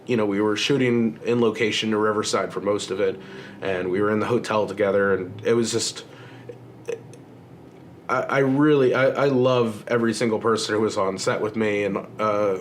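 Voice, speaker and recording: A man's voice: fairly low pitch, steady tone, moderate pace, a little hiss or hum. A man talking casually in a vlog, with lots of fillers and restarts and the odd swear. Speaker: filmmaker vlogger. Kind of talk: casual chat.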